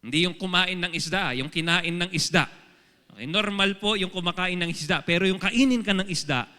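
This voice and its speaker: A man's voice: high voice, a little fast, sharp tone, clear, resonant tone, in a large hall. A Filipino man preaching a sermon as pastor to a congregation, firing rhetorical questions at them. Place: church hall.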